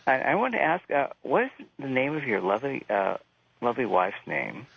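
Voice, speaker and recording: Gravelly, hesitant man calling a radio show. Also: mid-range voice, sing-song, dry recording. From Oregon, USA. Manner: hesitant, halting, full of "um" and "uh". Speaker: caller. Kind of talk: phone-in call to a radio show. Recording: muffled lo-fi phone-in audio.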